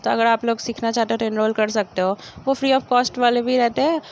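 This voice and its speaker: A young woman from India chatting casually to viewers about her studies, rambling and often trailing off into soft asides. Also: a little high, steady tone, brisk. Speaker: study vlogger. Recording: dull lo-fi phone audio with faint noise.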